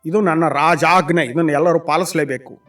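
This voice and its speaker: A man's voice: a little high, fairly even intonation, a little fast, a bit bright, recorded from a distance, soft background music, natural voice. A man voicing a stern king who issues a firm royal decree in a children's radio story. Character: stern middle-aged king issuing a decree.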